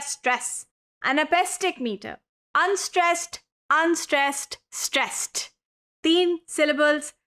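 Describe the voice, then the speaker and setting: A woman's voice: high voice, a bit bright. A woman lecturing in an online course, explaining patiently and mixing English terms into her speech. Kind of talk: recorded lecture.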